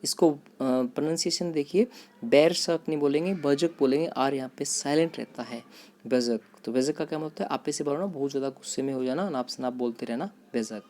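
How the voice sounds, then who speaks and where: A man teaching vocabulary to students, repeating each word, spelling it out letter by letter and pausing on fillers. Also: a little high, mellow. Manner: addresses students directly, with hesitant fillers. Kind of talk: vocabulary lesson.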